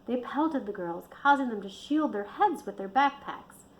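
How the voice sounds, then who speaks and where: A woman reading her own book aloud in a steady storytelling manner. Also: a little high, normal speed, poor audio. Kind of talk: audiobook narration.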